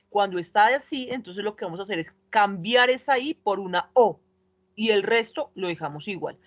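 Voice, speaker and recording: A woman's voice: medium pitch, highs cut off. A woman teaching an online English class, patiently explaining a rule and checking in with students.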